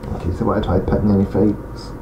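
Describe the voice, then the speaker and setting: Over the loud hiss of a dull lo-fi home mic, a man with a fairly low voice and quick pace plays a strategy game and comments on his moves. He's a gaming channel host with a regional accent he warns some may not follow, relaxed and thinking aloud with mumbled asides in let's play style.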